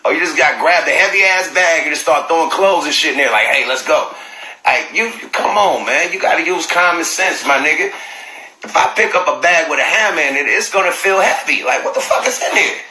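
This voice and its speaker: A man's voice: a little high, a little fast, sharp tone. A middle-aged man telling stories on a phone livestream, profane and laughing often mid-sentence. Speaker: livestream host. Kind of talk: casual storytelling on a livestream. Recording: roomy, noisy phone livestream.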